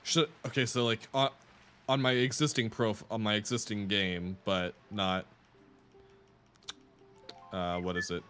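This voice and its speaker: A man's voice: fairly low pitch, steady tone, a little slow, pauses often, pushed and bright, smooth, faint music behind. A young man chatting casually while streaming a video game, rambling with restarts and laughs. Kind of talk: casual live-stream chat while gaming.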